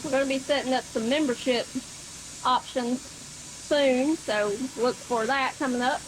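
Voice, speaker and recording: A woman's voice: high voice, fairly even intonation, a little slow, a little hiss or hum. A woman co-hosting a shop vlog, plainly explaining things to viewers. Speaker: co-host. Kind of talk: casual shop vlog talk. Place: auto shop garage.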